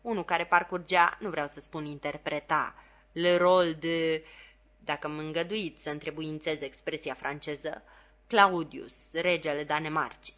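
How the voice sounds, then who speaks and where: A vain, pompous male stage actor, played by a woman reader in a storybook reading. He speaks with a lofty, self-important air and a somewhat low voice. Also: fairly even intonation, a bit bright.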